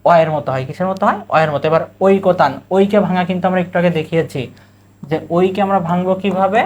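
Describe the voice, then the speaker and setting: This high-sitting male voice belongs to a teacher with a Bangladeshi Bengali accent, running pronunciation drills in a recorded exam-prep class. He questions students, echoes their answers, and pronounces example words slowly, one syllable at a time.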